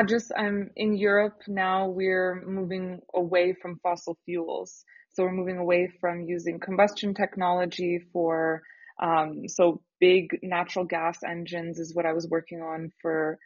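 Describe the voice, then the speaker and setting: Husky woman on a dull mic. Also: fairly low pitch, no room sound. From Canada. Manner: earnest, lively, with filler pauses. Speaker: startup founder, podcast guest. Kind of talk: casual interview talk. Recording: slightly dull, dry studio sound.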